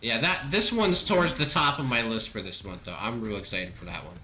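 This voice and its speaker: A man's voice: mid-range voice, brisk, background noise. A man hosting a gaming podcast in casual chat, enthusiastic and exclamatory as he runs through his picks. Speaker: podcast host.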